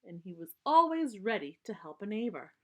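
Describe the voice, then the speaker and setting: With a sing-song delivery and a darkish, mid-range voice, a woman reads a children's storybook expressively. She pauses now and then to explain words to young listeners in a simple, emphatic way.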